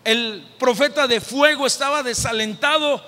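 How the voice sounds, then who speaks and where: A Mexican man preaching a sermon as pastor, impassioned and building to shouted repetitions, in a church sanctuary. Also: very high-pitched, normal speed. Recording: long hall reverb in a church.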